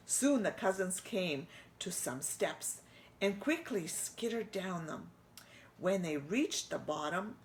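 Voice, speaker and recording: Reading a children's storybook to young listeners in a church, a woman with a mid-range voice speaks expressively and pauses to ask them questions. A slight hiss or hum can be heard.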